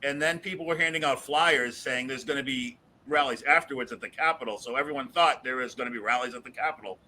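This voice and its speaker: Bright-voiced man telling his story. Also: medium pitch, fast talker, low-quality recording. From Boston area, USA. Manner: frank, chatty, laughs through anecdotes. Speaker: interview guest. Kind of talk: casual conversational storytelling.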